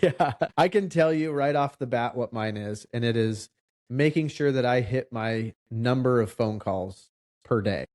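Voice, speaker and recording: A man's voice: medium pitch, unhurried, a little mellow. Chatty man explaining things casually. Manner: conversational, explains with examples and asides. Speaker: loan officer, podcast co-host. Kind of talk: casual podcast conversation.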